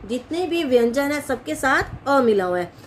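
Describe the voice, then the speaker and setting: A woman with a high voice teaches grammar in a patient classroom manner. She poses questions and answers them herself, going over each point more than once. A faint hiss sits under the recording. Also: expressive, moderate pace. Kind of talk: classroom-style explanation.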